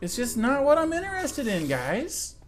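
A man's voice: very high-pitched, huge pitch swings, normal speed, music in the background. A young man doing sarcastic let's play commentary, joking with the creatures in the game. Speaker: gaming commentator.

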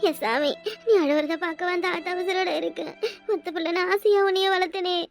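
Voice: very high-pitched, fairly even intonation, normal speed, soft background music. A woman voicing a fussy, elderly village mother in a cartoon, lamenting dramatically in a Tirunelveli Tamil accent. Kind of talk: cartoon voice acting.

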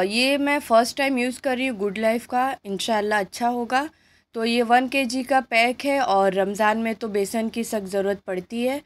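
A woman hosting her cooking channel, chatting unhurriedly through a grocery haul while filming at home on a handheld phone. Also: on the high side. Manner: chatty, unhurried listing of items. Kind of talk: grocery haul show-and-tell. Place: indoors at home, items on a patterned rug.

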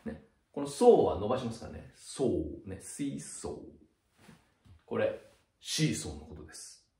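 A man's voice: mid-range voice, big pitch swings, moderate pace, warm tone. A middle-aged man, head teacher of a cram school, explaining English words in a chatty way, often ending phrases with a tag and acting out sound effects. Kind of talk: explaining vocabulary to students. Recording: echoey room.

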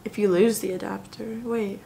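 A woman's voice: mid-range voice, steady tone, moderate pace, gravelly, dark tone, a little hiss or hum. Young girl vlogging in a common room, chatty, kinda self-deprecating. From Alabama. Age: young adult. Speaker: student vlogger. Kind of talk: casual vlog chat.

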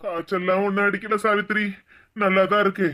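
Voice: mid-range voice, flat delivery, bright, forceful tone, a little hiss or hum, close to an everyday voice. Someone voicing a guilt-ridden old village husband. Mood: remorseful. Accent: Kanyakumari Tamil. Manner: heavy, guilt-laden, slow to explain. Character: remorseful older village husband. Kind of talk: cartoon voice acting.

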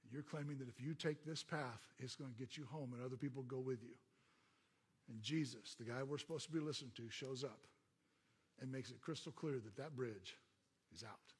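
A middle-aged man who is a pastor, preaching a sermon as an animated story and calling out to the congregation. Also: mid-range voice, husky.

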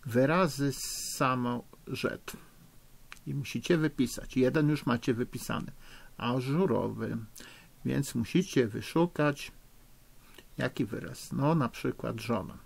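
Middle-aged man, patient schoolteacher reading to kids, husky. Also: mid-range voice. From Poland. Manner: slow, patient, encouraging, spells out spelling rules. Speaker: teacher. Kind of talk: recorded remote lesson for children. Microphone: recording for a lesson video.

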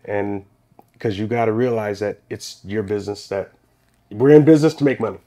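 Seated in a small podcast studio, the guest, a barbershop owner in his thirties, speaks briskly on the low side. His casual interview storytelling is relaxed and rambling with restarts, brightening when he reenacts moments.

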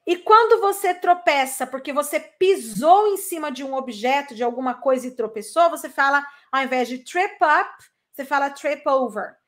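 A woman teaching English in a live online lesson, chatting energetically and then saying model phrases slowly for students to repeat. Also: sits high, lively intonation.

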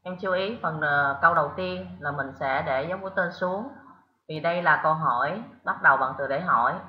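A woman from Vietnam with a fairly low voice teaches an English lesson to pupils. She explains patiently, step by step, dropping in English words as she goes. The sound is roomy, dull and lo-fi. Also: a little fast.

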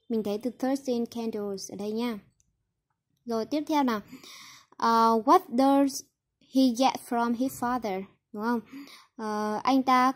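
Woman teacher going over answers, pitched high. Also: a little mellow. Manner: checks in with "right?" after nearly every point, mixing English words into explanations. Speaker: English teacher. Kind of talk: recorded lesson, going over exercises.

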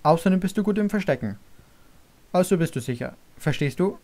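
A man's voice: sits high, lively intonation, fairly quick, darkish tone, voice pushed up. Guy doing a cheeky teen big brother in an audiobook, teasing, offhand. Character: teasing older brother, teenage boy.

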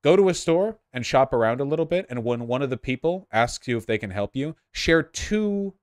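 A man's voice: medium pitch, lively intonation, moderate pace, no echo, clean studio sound. A man from Los Angeles, giving sarcastic, laughing live-stream commentary as he reacts to videos, often swearing. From Los Angeles, USA.

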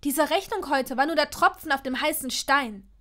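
A woman's voice: high voice, expressive, normal speed. A woman voicing a fiery, hurt young witch. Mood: furious. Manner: loud, heated, emphatic. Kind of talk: audiobook reading of fan fiction.

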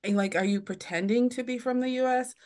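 An American woman guesting on a podcast talks at length in a chatty, storytelling way during a casual interview chat, often restarting sentences and acting out the voices of people she quotes. Her fairly high voice is brisk with a darkish tone.

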